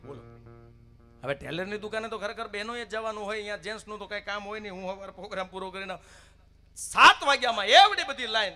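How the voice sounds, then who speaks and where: A man telling stories and jokes on stage at a devotional gathering, acting out the characters' voices. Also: high voice. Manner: animated, acts out the characters' voices. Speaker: folk storyteller at a devotional gathering.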